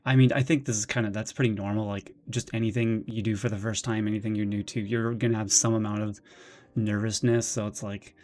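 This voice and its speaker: A man streaming from his bedroom, chatting casually, rambling and excitable, with lots of restarts and a slightly nervous, jittery edge. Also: fairly low pitch, fairly quick. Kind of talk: casual live-stream chat.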